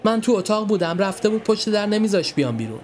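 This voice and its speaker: A man's voice: high voice, big pitch swings, a little mellow, pitched above the performer's own voice. A man voicing a hot-tempered, sulky teenage girl who snaps indignantly. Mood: angry. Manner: snappy, indignant.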